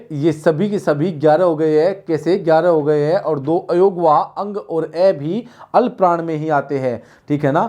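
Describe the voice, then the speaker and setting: Male teacher, slightly high voice, drilling students with repeated questions. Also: darkish tone. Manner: repetitive, questioning, drills students on sounds aloud. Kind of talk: online exam-prep lesson.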